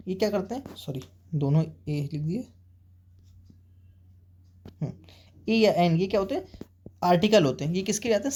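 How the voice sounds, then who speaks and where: Man, Indian accent, exam-prep English teacher, warm relaxed voice, reads examples slowly. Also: high voice. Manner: reads English sentences slowly, often checks "okay?".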